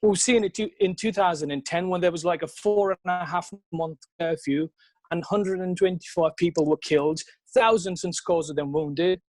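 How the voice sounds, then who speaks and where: A man's voice: high voice, moderate pace, darkish tone, no room sound. A man in his thirties with a Kashmiri accent, giving emphatic, spontaneous interview answers that build through lists and questions. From Srinagar, Kashmir. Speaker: interview guest.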